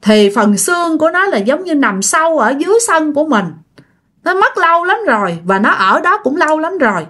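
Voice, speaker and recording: A woman's voice: high voice, very animated, a little fast, sharp tone. A woman with a Southern Vietnamese accent narrating ghost stories in a chatty, casual way and speaking straight to her listeners. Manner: chatty, addresses listeners directly. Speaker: storyteller.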